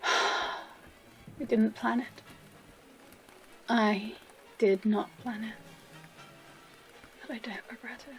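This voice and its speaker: Breathy and frequently whispering, a woman with a fairly high voice acts out the role of a librarian captor who is obsessive and possessive in a dramatic audio roleplay. She pauses theatrically, threatening and tender at once.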